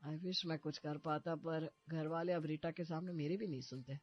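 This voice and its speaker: A man playing a calm, reassuring brother in a storybook family drama. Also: a little high, moderate pace, lo-fi sound, soft background music.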